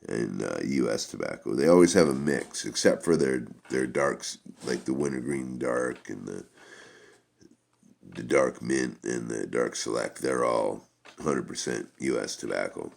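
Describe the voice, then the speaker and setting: Very deep, gravelly man reviewing casually. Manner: rambling, halting. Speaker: product reviewer. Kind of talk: casual rambling product review.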